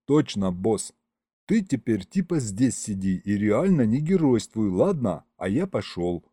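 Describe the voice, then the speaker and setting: Cheeky male imp sidekick, street-slang swagger, lively pitch voiced by a male reader. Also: a little slow, breathy edge, no room sound, full character voice. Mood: casual. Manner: street slang, brash and familiar.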